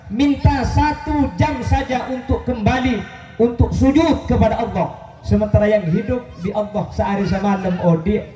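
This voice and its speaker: Preaching an Islamic sermon, this man jokes with the gathering, pokes fun at himself, addresses them directly, and mixes in Arabic quotations. He has a high, warm voice, heard in a roomy, distant, noisy live recording.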